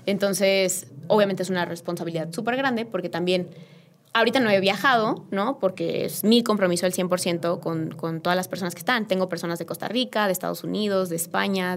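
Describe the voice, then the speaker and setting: A woman with a Mexican accent, a podcast guest telling a personal story in a lively, emotional, chatty way. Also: lowish voice, fairly quick. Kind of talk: casual interview storytelling.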